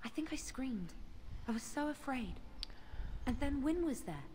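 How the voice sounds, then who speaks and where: A woman's voice: sits high, animated, a little slow, a little mellow, slight background noise. A woman playing a worried, shaken young female mage in a video game. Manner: worried, fearful.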